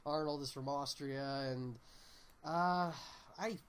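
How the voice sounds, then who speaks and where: Slow-paced and clean in tone, this man's slightly high voice carries a casual podcast conversation about movies. As co-host he jokes, speaks emphatically, and slips into mock voices.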